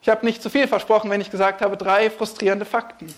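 Expressive man preaching a sermon. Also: high voice, quick pace. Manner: expressive, swings between hushed and emphatic.

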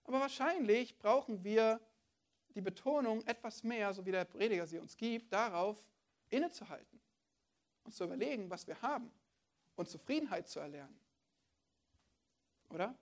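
A woman delivers a sermon in an easy, conversational tone, speaking straight to her listeners. She keeps posing questions back to them. Her voice sits at an ordinary middle pitch. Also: animated, moderate pace, long pauses. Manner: conversational, addresses listeners directly with rhetorical questions. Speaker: preacher.

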